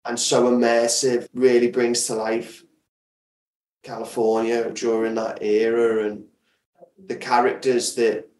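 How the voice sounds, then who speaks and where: Set back from the mic in a roomy echo, a man who creates audio dramas chats as an interview guest. His voice is average in pitch and darkish in tone, with little pitch movement, and he takes it slowly, yet he's casual and enthusiastic, leaning on and repeating words for emphasis.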